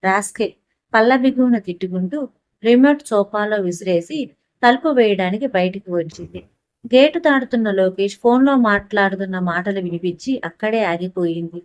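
A woman narrating a scripted story for an audiobook in a steady, even manner on a close mic. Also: medium pitch, normal speed, dry recording, dull audio.

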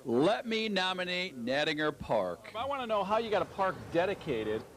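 A man's voice: high-pitched, sing-song, normal speed, fairly bright tone, slight background noise. A man reporting a light feature story for TV news, joking and wry, partly from outdoors in a small park.

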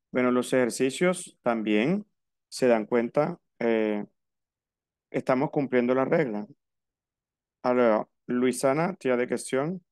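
A man teaching French over a video call, explaining each rule slowly and patiently and repeating it. His voice is smooth and clear. The sound is close and dry, with no room around it. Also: mid-range voice, a little mellow, dry recording. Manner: patient, repeats and spells out rules. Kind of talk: online class explaining French in Spanish.

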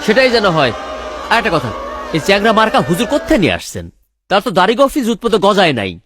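Impatient, suspicious funeral host, high lively voice, fast, music behind. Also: male voice. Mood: exasperated. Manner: exasperated, bossy, suspicious. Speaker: nephew arranging an uncle's funeral.

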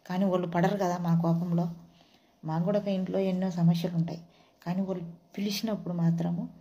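A woman's voice: lowish voice, creaky, mellow. A woman from India, a house worker casually retelling a quarrel and acting out what each person said. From Telugu-speaking India. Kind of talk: casual storytelling vlog.

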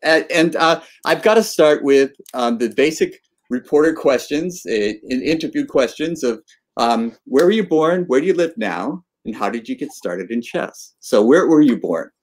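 A man in his sixties hosting a casual video-call interview, talking haltingly with many fillers and restarts. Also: mid-range voice, animated. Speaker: interview host. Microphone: webcam on video call.

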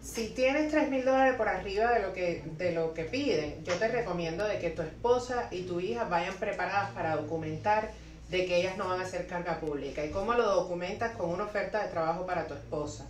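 A young woman lawyer with a lowish voice gives practical, step-by-step immigration advice, often correcting herself mid-sentence. She sits at her desk, and the office adds a roomy echo. The mic is a little far from her. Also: a little fast. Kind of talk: answering viewer questions. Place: office, seated at a desk indoors. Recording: echoey office, voice a bit distant from the mic.

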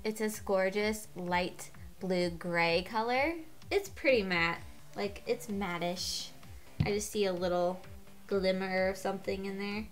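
Stuffy-nosed girl chatting thru her makeup, lots of "like", soft music in the back. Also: medium pitch, measured pace. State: congested from a cold; gets out of breath. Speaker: beauty vlogger. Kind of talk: casual makeup tutorial.

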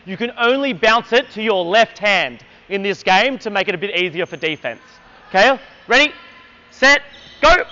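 A man's voice: sits high, expressive, moderate pace, bright, forceful tone, muffled recording. A man coaching a basketball clinic on an indoor court, energetically calling out drills and counting down for players.

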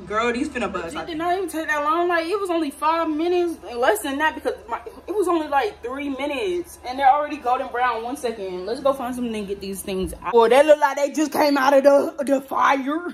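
High-voiced and expressive, a young American woman talks fairly quickly with few pauses, playfully chatting in slang to viewers as host of a home cooking vlog. She's indoors in a small home kitchen, filmed on a phone or camera propped at a distance, and the recording has a distant sound with noisy ambience.

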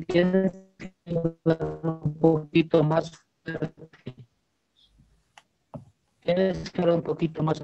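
A male law lecturer on an online class whose voice breaks up and stutters from a bad connection as he checks answers and urges students to speak louder. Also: fairly high pitch. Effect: choppy, breaking-up video call audio. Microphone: video call. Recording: dull lo-fi call audio, faint music behind.

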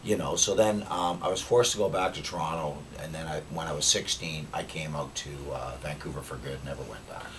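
Dutch-born man in his fifties, deep voice, animated rambling interview chat, distant camera mic in a basement room. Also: brisk, hardly any pauses, slight background noise. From Netherlands. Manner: rambling, animated, repeats phrases. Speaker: musician guest. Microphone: camera mic from a few feet away.

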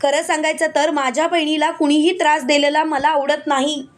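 A woman's voice: high voice, little pitch movement, fairly quick, close to an everyday voice. A woman reading the lines of a menacing man who claims to be a protective elder brother, in a boastful, threatening manner.

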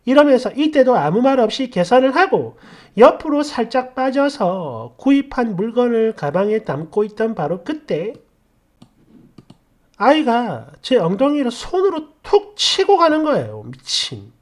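A woman's voice: on the high side, sing-song, measured pace, darkish tone. A woman narrating a first-person story in an indignant, scolding tone.

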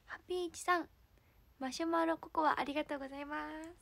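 A young woman from Fukuoka with a Hakata accent, chatting casually on a livestream, giggling and sometimes dropping to a soft murmur. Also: high voice, steady tone, fast, creaky. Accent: Hakata dialect. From Fukuoka, Japan. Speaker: idol livestreamer.

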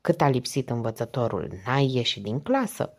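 A woman voicing a calm, middle-aged male police inspector who asks measured, encouraging questions in an audiobook reading. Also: very deep voice. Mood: probing.

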